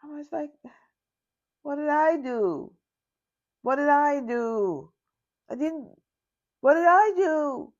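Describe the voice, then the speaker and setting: A woman's voice: animated, slow pace, long pauses, muffled recording. A woman voicing an eager, proud grandmother who keeps repeating herself. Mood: bewildered. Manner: high, insistent, repeating herself.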